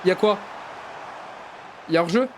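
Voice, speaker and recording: A gaming YouTuber talks fairly quickly over a football video game, shouting goals like a mock commentator in excited play-by-play. Between bursts he drops into low, mumbled asides, with slight background noise in the recording.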